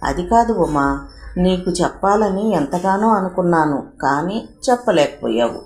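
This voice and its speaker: A woman voicing a shy, sad young mother who speaks softly with a trembling voice. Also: lowish voice, animated, measured pace. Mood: flustered. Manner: soft, trembling, plaintive. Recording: roomy echo.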